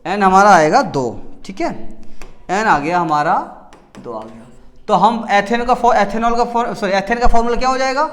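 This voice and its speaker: High-voiced man teaching, quizzing the class. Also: normal speed, a bit bright. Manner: asks and answers his own questions, repeats key words; frequent self-corrections. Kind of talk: classroom chemistry lesson.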